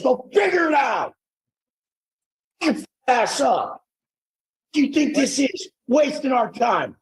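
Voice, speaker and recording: A man berating a client on a call, profane and shouting, played back as a clip. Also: extremely high pitch. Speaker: fitness coach on a call. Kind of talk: clip of a heated phone call.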